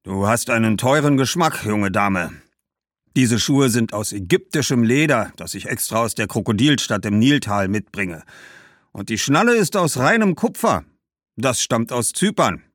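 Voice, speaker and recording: In a clean, dry studio recording, a man uses his natural voice, pitched above his own, to play a shrewd, grumbling middle-aged shoemaker. The mid-range delivery is expressive, moderately paced, and fairly bright as the character skeptically haggles.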